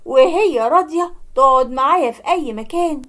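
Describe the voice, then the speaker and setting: A woman's voice: high-pitched, expressive, moderate pace. A woman with an Egyptian accent voicing a curt, defiant young man in a cartoon story. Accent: Egyptian Arabic. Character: defiant young man, harsh to his mother.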